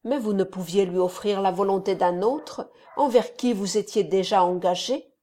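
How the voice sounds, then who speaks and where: A woman voicing an elderly kindly male friar who gives gentle, fatherly counsel. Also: medium pitch, normal speed, close to an everyday voice.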